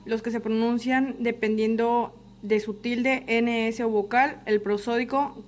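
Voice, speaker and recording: A woman reading a spelling and grammar lesson aloud, with a steady, list-like delivery of rules and examples. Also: a little high, slight background noise. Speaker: teacher.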